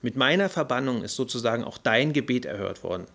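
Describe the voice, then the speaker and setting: A man's voice: mid-range voice, expressive, quick pace, vocal fry, fairly bright tone. A man voicing a brash, irritable male fallen angel who rants in a flippant, indignant way. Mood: breezy. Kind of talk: audiobook character voice.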